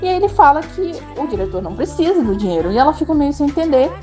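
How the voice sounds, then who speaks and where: A woman's voice: high-pitched, quick pace, faint music behind. A woman, casually recapping a drama episode in a chatty, opinionated way. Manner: chatty, uses fillers like "tipo assim" and "entendeu"; animated and opinionated, laughs.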